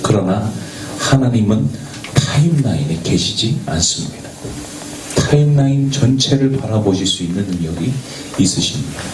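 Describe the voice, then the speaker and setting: Heard from a distance in an echoey church worship space with faint background noise, this man delivers a sermon as a youth pastor. His fairly low voice has lively intonation and a moderate pace. He earnestly poses rhetorical questions to the young people, occasionally trips over words, and makes light of it.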